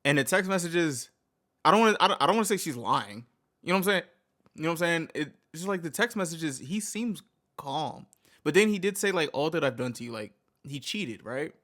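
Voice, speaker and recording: A man's voice: on the high side, animated, a little fast, fairly bright tone. A man hosting a reaction video, talking casually in a heated, rambling way, swearing often and restarting his sentences.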